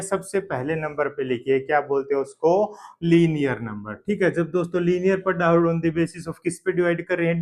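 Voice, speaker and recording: A man's voice: fairly high pitch, a little mellow. A man in teaching a math lesson, posing questions and answering them himself as his students, often repeating key terms and praising with "very good". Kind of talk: exam-prep math lesson.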